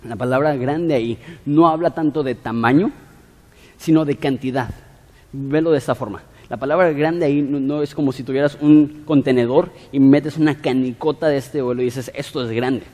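A man's voice: medium pitch, normal speed, warm tone. Male preacher in a reverberant hall. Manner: teaching, explaining word meanings with everyday examples. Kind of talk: sermon.

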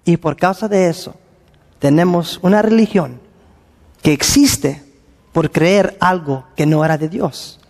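Male preacher, high voice, animated sermon delivery that acts out quotes, reverberant hall sound. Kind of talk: sermon with Bible reading.

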